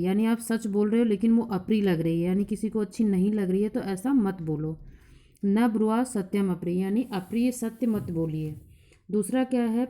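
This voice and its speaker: A woman teacher explaining a lesson to a class, reciting verses slowly and then explaining them in plain, repeated points. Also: medium pitch, dark tone. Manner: repeats each point several times. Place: coaching class.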